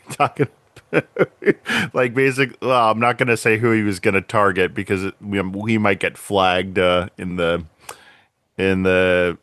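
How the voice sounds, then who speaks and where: A man hosting a podcast, recapping an episode with jokes and asides. His voice sits on the low side. The sound is dry and close. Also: fairly even intonation, unhurried, a bit bright, no echo. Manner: joking, recaps an episode plot. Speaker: podcast host. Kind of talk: casual chat.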